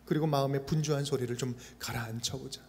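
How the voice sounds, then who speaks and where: A preacher voicing a gentle, tender God. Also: male voice, medium pitch, fairly even intonation, fast, a little hiss or hum, voice pushed down, lightly acted. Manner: soft, quiet, tender questioning. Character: gentle caring God speaking softly to a weary prophet. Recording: reverberant church sound system.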